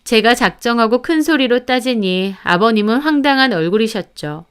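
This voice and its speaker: A woman's voice: on the high side, lively intonation, moderate pace, smooth. A woman narrating a first-person story in an aggrieved, emotional way.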